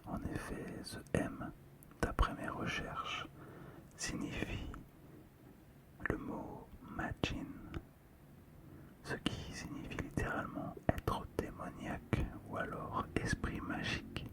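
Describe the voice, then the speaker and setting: An ASMR host presents collectibles and comments on them, whispering softly and slowly. The voice stays hushed from start to finish.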